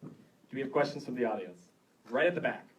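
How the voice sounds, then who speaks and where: A man's voice: mid-range voice, animated, fast talker, noisy background. A man moderating a screening Q&A, asking casual questions and giving brief affirmations. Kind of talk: interview questions. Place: theater with audience. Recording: distant mic in a crowded theater.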